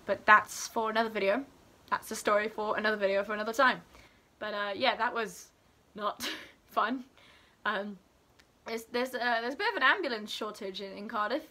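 A young adult student vlogger chats casually to camera from her living room, rambling in an informal, candid way. Her mid-range voice has a sharp tone and a normal speed, with music playing in the background.

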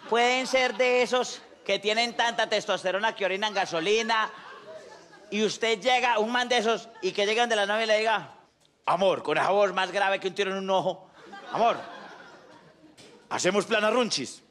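A man with a Colombian accent performing a stand-up comedy monologue, animated and slangy, acting out little scenes as he goes. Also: high voice, a little fast, a faint crowd.

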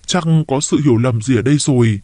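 A man reading a story aloud, voicing a sharp-tongued older sister who scolds and defends her sibling. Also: mid-range voice, fast, no room sound, studio quality, natural voice. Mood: scolding.

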